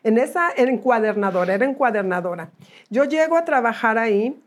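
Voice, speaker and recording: A woman's voice: on the high side, a little fast. Middle-aged Mexican woman telling her story. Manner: animated, acts out quoted voices. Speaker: interview guest. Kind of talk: conversational storytelling.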